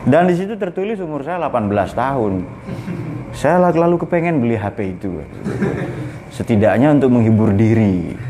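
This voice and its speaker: A man's voice: mid-range voice, sing-song, normal speed, noisy background. A man in his forties giving a casual, joking religious lecture at a boarding school, with many fillers. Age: 40s.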